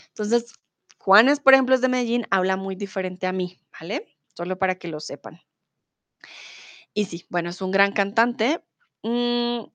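A woman from Colombia with a Bogotá accent, teaching a Spanish lesson on a livestream, explaining slowly and switching into English and German. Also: mid-range voice, no room sound.

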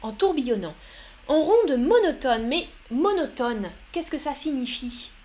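High-voiced woman teaching slowly. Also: very animated, darkish tone. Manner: patient, explains slowly, greets the chat. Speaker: French teacher. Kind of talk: live-streamed language lesson.

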